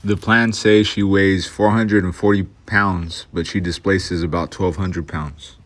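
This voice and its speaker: Low-voiced man narrating his build. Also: fairly even intonation, measured pace, slight background noise. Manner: plain, matter-of-fact, self-deprecating. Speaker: hobby boat builder. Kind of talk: casual voice-over narration.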